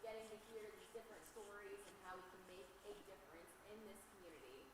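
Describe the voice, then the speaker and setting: A woman's voice: medium pitch, fast, noisy background. A woman hosting a live telethon, making announcements to viewers. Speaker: telethon host. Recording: echoey studio with crowd behind.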